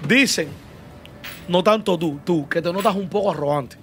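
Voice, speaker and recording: Host guy, high voice, reading out chat questions nice and polite. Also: normal speed, fairly bright tone, soft background music. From Cuba. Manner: reads viewer questions, polite and probing. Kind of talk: casual interview.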